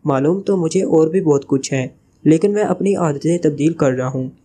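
A man's voice: on the high side, normal speed, mellow, a little hiss or hum, lightly acted. A man reading the part of a sly, joking male spy leader in a teasing, evasive way.

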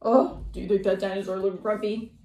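A woman teacher reading a picture book aloud to young children, asking coaxing questions in a sing-song, animated way. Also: medium pitch, fairly quick, echoey room. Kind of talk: children's read-aloud lesson.

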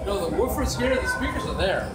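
A man's voice: high-pitched, big pitch swings, fairly quick. A man vlogging with his partner, exclaiming enthusiastically over arcade machines. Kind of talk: casual chat. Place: busy indoor arcade. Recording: loud arcade music.

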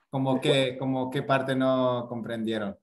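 A man teaching grammar in a relaxed online lesson. He speaks slowly, at an even middle pitch, and explains patiently. He fills pauses with hesitations and keeps checking in with short tag questions. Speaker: Spanish teacher.

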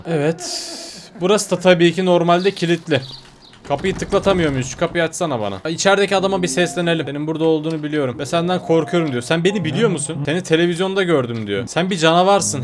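A man talks quickly through his gameplay in a fairly high voice, narrating each move and reading the game's messages aloud. He sounds like a gaming creator at a desk mic, with a faint hiss of noise behind him. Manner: chatty play-by-play, reading in-game text aloud, turns frantic when caught. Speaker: gaming YouTuber. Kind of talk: game commentary.

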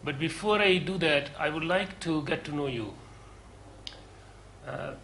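Man, lecturer, earnest, deliberate, hesitant pauses, slightly high voice. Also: creaky, noisy background. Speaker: course lecturer. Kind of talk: lecture to a seminar group.

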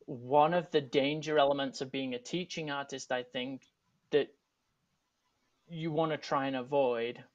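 An Englishman in his thirties, a teaching artist and artistic director, speaks on a video call panel casually and thoughtfully, restarting often and adding asides. His Yorkshire accent is softened for Americans, and his voice is medium-pitched, fairly even, and unhurried. He's in a home room wearing earphones, and the audio is dull and lo-fi.

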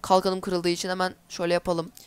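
A woman's voice: lowish voice, completely flat delivery, fast, clear, resonant tone. A woman giving casual let's-play commentary, chatty and easily exasperated, talking to herself as she plays. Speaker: gameplay commentator.

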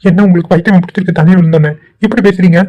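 In lo-fi sound, a performer voices a kind young cartoon character for a Tweencraft cartoon, his medium-pitched voice natural and steady in tone. The character is concerned and worried, pleading anxiously and talking fast.

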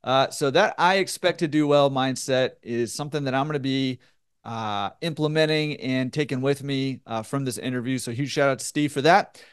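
A man's voice: mid-range voice, normal speed, smooth. A man hosting a podcast, upbeat and encouraging, talking casually with many fillers. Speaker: podcast host.

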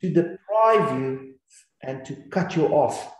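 A Bible teacher with a New Zealand accent and a fairly high, expressive voice speaks slowly, teaching scripture over slides in an earnest, repetitive way. The recording is from a very echoey room.

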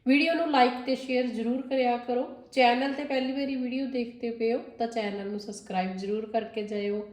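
A woman's voice: fairly high pitch, fairly quick. Woman with a Punjabi accent explaining a recipe. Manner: calm, explanatory, addresses viewers directly. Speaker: cooking channel host. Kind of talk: step-by-step cooking instruction. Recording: echoey kitchen with faint noise. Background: sizzling and stirring of food.

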